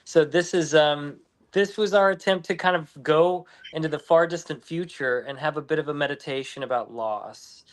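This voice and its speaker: A man, a musician guest in an interview, speaking reflectively with halting starts. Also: fairly high pitch. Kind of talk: casual interview chat.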